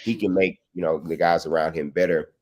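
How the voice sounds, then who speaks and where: A man with a very low, deep voice hosts a relaxed sports talk show. He leans on "you know" and "um" and asks long, winding questions. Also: brisk.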